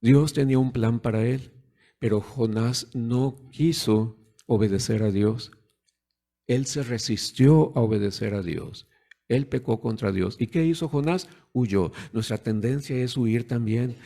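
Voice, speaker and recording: A man's voice: mid-range voice, unhurried, mellow. A man preaching a sermon in a conversational way, putting rhetorical questions to the congregation and acting out the voices of parents and children.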